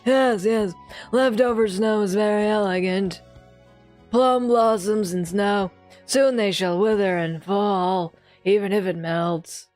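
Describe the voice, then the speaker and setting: A woman's voice: mid-range voice, slow pace, faint music behind, lightly acted. A woman voicing a timid, gloomy male teacher in a very old man's voice for a visual novel. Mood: wistful. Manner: hesitant, mournful, fragile, gentle. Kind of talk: visual novel character reading.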